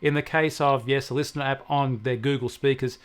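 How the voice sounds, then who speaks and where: An Australian tech expert answers questions in a conversational way, emphatic and repeating points for stress. His clean, mid-range voice is a little fast, with fairly even intonation.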